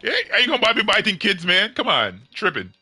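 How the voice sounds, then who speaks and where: A young man hosts a game livestream and jokes with his chat, laughing often. His voice is very bright and a little high, and it swoops up and down with lively energy. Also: brisk, slightly rough. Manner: animated, joking, laughs often, slangy. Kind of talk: casual livestream chat with viewers.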